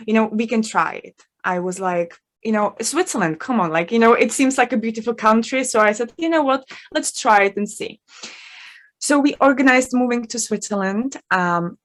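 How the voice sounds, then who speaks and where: A woman from the in her thirties, a guest telling her own story in an interview, frank and animated, with many fillers. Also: mid-range voice. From Czech Republic.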